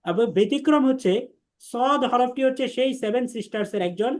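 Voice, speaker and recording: A man's voice: very high voice, fairly quick, darkish tone. A man leads an online class on Arabic letters. He speaks patiently, stretching out each letter sound and repeating it for his students to copy. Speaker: Quran teacher.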